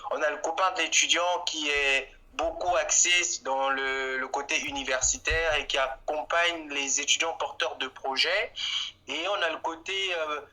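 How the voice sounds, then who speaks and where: A young man from Gabon speaking French with a Gabonese accent, heard through a tinny phone line. His voice is slightly high and very bright and crisp, and he talks politely with plenty of hesitations and self-deprecating asides. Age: 20s. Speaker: interview guest, arts entrepreneur. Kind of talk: phone interview.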